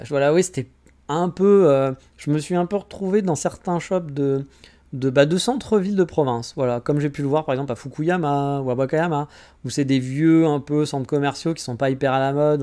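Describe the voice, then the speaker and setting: This French podcast host chats casually and rambles about travel, making fun of himself along the way. His voice sits at a medium pitch with a dark tone.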